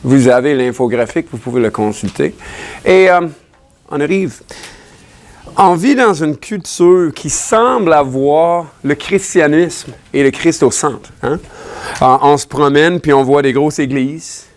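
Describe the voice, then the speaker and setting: A man's voice: a little high, unhurried. A man from Ontario whose first language is English, preaching a casual, joking sermon in a church, with many fillers and restarts. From Ontario, Canada.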